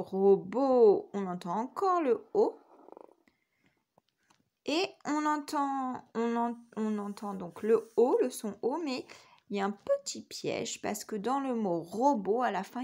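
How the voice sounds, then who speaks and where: A kindergarten teacher with a high-leaning, creaky, darkish voice gives a recorded spelling lesson to young children. She patiently sounds out every letter and syllable.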